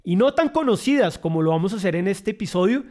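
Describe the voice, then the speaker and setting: A man's voice: sits high, expressive, fast talker, darkish tone. A man with a Bogotá Colombian accent hosts a podcast, reading scripted narration with playful, colloquial asides. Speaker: podcast host.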